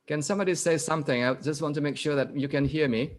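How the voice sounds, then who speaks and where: A male guest lecturer giving an interactive online lecture over a video call. He quizzes his audience and reads statements out slowly, repeating them. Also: a little high.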